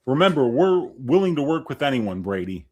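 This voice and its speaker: A man's voice: medium pitch, very animated, brisk, highs cut off. A man co-hosting a live fight watch-along, a little tipsy, joking around in casual banter. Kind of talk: casual live-stream chat.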